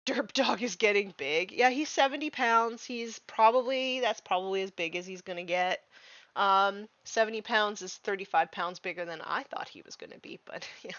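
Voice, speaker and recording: A woman in her thirties chatting casually on a live stream while painting miniatures, relaxed and full of fillers. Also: medium pitch, normal speed, no echo, muffled recording. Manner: relaxed and chatty, many fillers, baby-talks to her dog.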